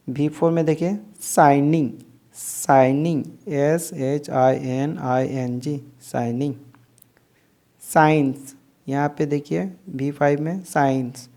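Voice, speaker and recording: A woman's voice: sits low, warm tone. A woman teaching English verb forms, spelling out each word letter by letter and repeating it. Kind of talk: slow spelling-out lesson.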